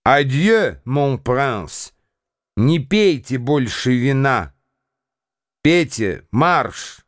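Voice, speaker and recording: A man doing a booming, rowdy giant. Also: sing-song, very slow, no echo, studio quality. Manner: booming, roaring. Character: huge, rowdy, brawling young man.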